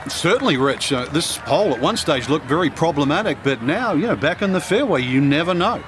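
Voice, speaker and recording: A man giving golf commentary as an analyst in a video game, with clear outdoor noise behind him. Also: on the high side, expressive, a little fast, lightly acted. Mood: considered. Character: male golf analyst answering the lead commentator.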